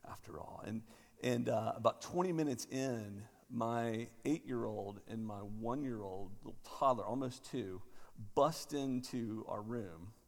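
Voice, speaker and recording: Gravelly pastor in cathedral echo. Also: male voice, medium pitch. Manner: halting, with many fillers and restarts. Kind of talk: conference talk and prayer. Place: large parish church. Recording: cathedral echo, long church reverb.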